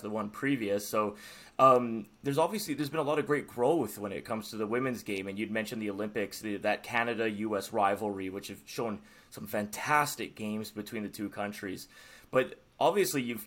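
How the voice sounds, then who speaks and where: Man, podcast co-host, lowish voice, enthusiastic, halting casual talk. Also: a bit bright.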